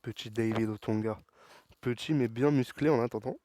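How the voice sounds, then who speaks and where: A man commentating his wrestling video game, excitable and talking back to the characters on screen. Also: medium pitch, normal speed, dry recording. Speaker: gaming YouTuber. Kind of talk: let's play commentary.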